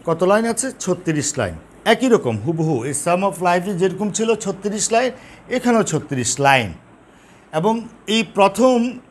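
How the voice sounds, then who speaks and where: Man teaching poetic meter, high-pitched. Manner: explanatory, repeats key terms, counts syllables slowly. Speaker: Bengali literature teacher. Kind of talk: classroom lesson on poetic meter. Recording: faint background noise.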